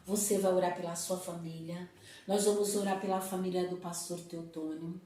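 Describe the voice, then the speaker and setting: A woman teaching a Sunday school lesson to young people, animated and acting out family dialogue as she speaks. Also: fairly low pitch, normal speed. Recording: very echoey hall, distant mic.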